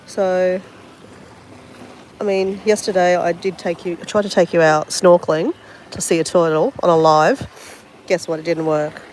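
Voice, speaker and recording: An Australian travel vlogger with a sniffly cold paints outdoors by the sea during a livestream, chatting casually, mocking herself and talking straight to viewers. Her voice is fairly low and darkish, steady and unhurried with long pauses, and the audio is poor with slight background noise.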